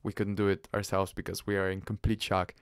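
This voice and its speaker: A man hosting a podcast, telling a personal story in a halting, casual way with restarts and soft laughs. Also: low-pitched, monotone, clean tone, no room sound, clean studio sound. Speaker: podcast host.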